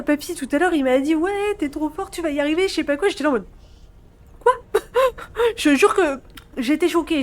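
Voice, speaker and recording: A young woman streaming a game, chatting to her chat and reading game dialogue aloud, excitable and quick to laugh. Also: high voice. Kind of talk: gameplay let's play commentary.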